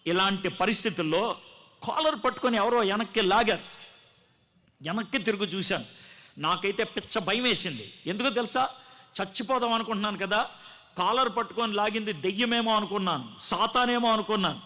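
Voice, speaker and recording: A man's voice: sits high, brisk, bright, forceful tone. A man preaching a testimony sermon to a live gathering, telling his story dramatically and acting out the dialogue. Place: live gathering before a congregation.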